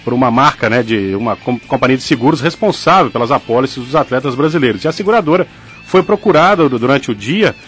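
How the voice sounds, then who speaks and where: A man's voice: medium pitch, lively intonation, quick pace, a bit bright, faint music behind. A man with a Brazilian accent hosting a radio sports show, talking casually and often correcting himself with little fillers. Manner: chatty, frequent "né" fillers and self-corrections. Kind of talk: casual radio news chat. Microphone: studio microphone.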